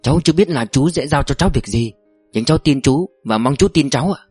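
A man's voice: mid-range voice, animated, quick pace, a little mellow, breathy edge, no echo, faint music behind. A man reading an audiobook voices a young security guard who speaks politely and eagerly.

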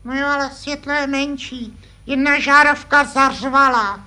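A man's voice: very high-pitched, steady tone, sharp tone, full character voice. A man voicing a cheeky, clever puppet schoolboy in a vintage puppet comedy sketch, needling his father.

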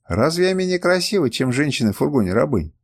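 A man's voice: a little high, very animated, fast talker. A man reading an audiobook, voicing a proud, fiery young woman who turns defiant, pleading and spiteful. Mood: challenging.

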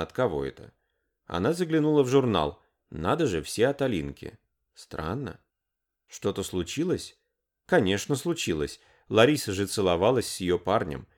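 A man narrating an audiobook novel in an expressive reading style. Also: fairly low pitch.

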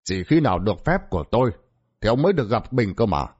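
A wealthy, cold son-in-law talks down smoothly and rapidly in a lowered voice, put on by a male storyteller. The storybook recording sounds lo-fi. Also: big pitch swings, darkish tone. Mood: condescending.

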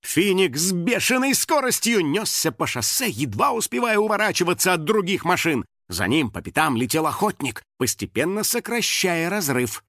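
A man narrating a children's audiobook in an expressive, storytelling manner, recorded close to the microphone. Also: high-pitched, moderate pace, hardly any pauses, dry recording.

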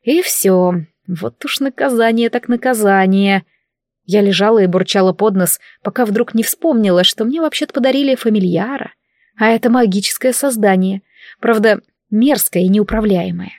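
A woman narrating a fantasy novel in first person, with an ironic, lively telling. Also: mid-range voice, moderate pace, dry recording, clean studio sound. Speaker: audiobook reader. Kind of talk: scripted narration.

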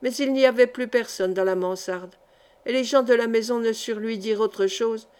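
A woman reading a historical novel aloud as an audiobook narrator, steady and expressive. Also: a little high, normal speed, smooth. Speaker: audiobook reader. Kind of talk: scripted narration.

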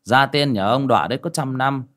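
A man playing a calm young spirit master who scolds a ghost bluntly. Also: medium pitch, fairly quick, pitched above the performer's own voice, natural voice. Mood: stern.

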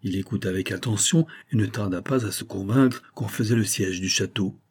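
A male narrator reading an audiobook in a measured, storytelling voice. His low voice is dark and mellow, with a husky edge. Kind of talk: scripted narration.

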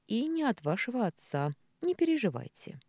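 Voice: medium pitch, sing-song, moderate pace, a little mellow, dry recording, pitched above the performer's own voice. Reader voicing a wry, weary pregnant woman.

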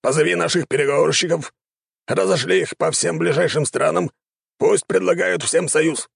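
A man voicing an excitable, scheming male gnome king in an audiobook, exclaiming theatrically. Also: on the high side, moderate pace, creaky, husky, no echo, voice pushed up, exaggerated voice. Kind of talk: audiobook character voice.

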